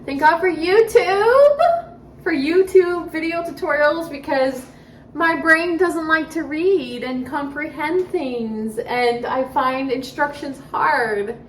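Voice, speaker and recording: A woman's voice: sits high, slow, distant mic. A stay-at-home mom chatting casually to camera in her home kitchen, a dramatic talker who laughs often. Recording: echoey room, voice off-mic, faint background noise.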